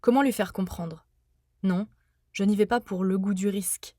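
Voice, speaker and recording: A young woman from France narrating her own podcast in an earnest, measured, personal way. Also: mid-range voice, steady tone, dark tone, dry recording, studio quality. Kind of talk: scripted first-person narration.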